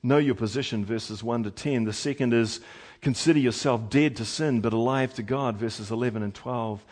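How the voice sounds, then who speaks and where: A man preaching a sermon with passion, moving from loud exhortation to hushed tones. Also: medium pitch, moderate pace.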